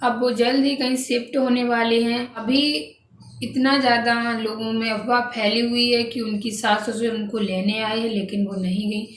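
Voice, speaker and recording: Chatting to viewers about family gossip, this vlogger keeps calling them "guys" and starts sentences over again and again. Her voice is fairly high with a level tone and moderate pace, and the echoey room, far-off mic and faint noise come through.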